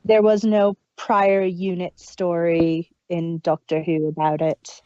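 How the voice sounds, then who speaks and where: With a low, darkish voice that barely changes pitch, a woman talks slowly as a podcast co-host reviewing an audio drama. It's relaxed chat with frequent laughs and trailing sentences, on a dull, muffled recording with no room sound.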